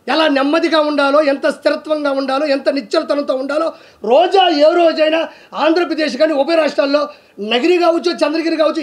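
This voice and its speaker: A man with a very high-pitched voice rants about politics in a sarcastic, scolding tone. He fires off rhetorical questions one after another and mocks his target as he goes. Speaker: comedian giving political commentary. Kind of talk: heated political rant.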